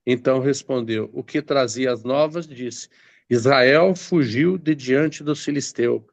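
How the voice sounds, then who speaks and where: A man's voice: mid-range voice, measured pace, no room sound. A man preaching a sermon, reading scripture aloud and explaining it with many hesitant fillers and restarts.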